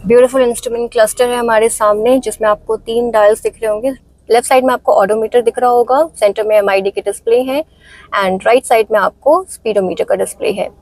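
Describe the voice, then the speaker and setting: A woman's voice: on the high side, fairly even intonation, fast talker, a little mellow, no room sound, low-quality recording. A woman with an Indian accent narrating a walk-around car review, mixing English phrases in and explaining each feature in turn. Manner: mixes Hindi with English phrases.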